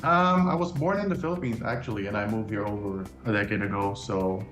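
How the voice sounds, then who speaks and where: A man's voice: on the low side, brisk, a bit bright, soft background music. A young man from upstate New York, a quiz contestant talking casually about himself in a laid-back way with frequent chuckles. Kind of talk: casual interview chat. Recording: roomy echo.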